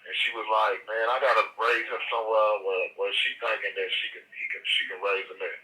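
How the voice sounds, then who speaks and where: A middle-aged man calls in from prison, his voice thin and far away on the phone line. He talks low and loose, with plenty of fillers. The sound is bright and tinny. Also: little pitch movement, brisk. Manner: rambling, loose storytelling with many fillers. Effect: prison phone call. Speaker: incarcerated interviewee.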